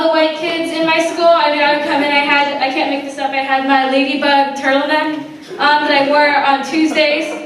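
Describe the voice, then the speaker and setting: A young woman performing a stand-up set at a college open mic, deadpan and hesitant with many ums, recorded from a distance in a roomy hall with an audience. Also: high voice. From Sri Lanka. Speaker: stand-up comic.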